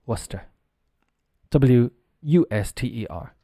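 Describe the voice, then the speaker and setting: Mellow-voiced male English teacher, dry sound. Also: medium pitch, normal speed, no echo. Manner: spells words letter by letter, chatty and self-correcting. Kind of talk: live-streamed pronunciation lesson.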